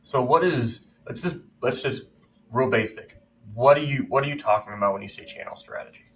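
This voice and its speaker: A man co-hosting a podcast while sick with a cold, relaxed and explanatory. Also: mid-range voice, brisk, slight background noise. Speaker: podcast co-host. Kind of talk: casual podcast chat.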